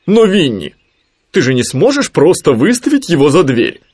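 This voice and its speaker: A man voicing a fussy, bossy female owl in a storybook, speaking loudly and indignantly. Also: medium pitch, wildly swooping pitch, a little slow, no room sound, clean studio sound.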